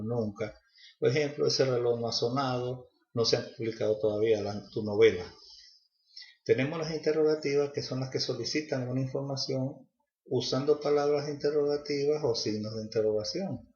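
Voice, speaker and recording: A man's voice: medium pitch, a little mellow. A young man giving a class presentation on grammar, hesitant, with fillers and restarts. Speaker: student presenter. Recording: echoey, dull lo-fi room.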